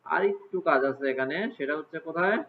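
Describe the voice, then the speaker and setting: A fast, gravelly, slightly high male voice belongs to a computer class teacher giving a live walkthrough. He stays casual and regularly asks students questions to check their understanding, heard through tinny, lo-fi phone-like audio with a faint hiss.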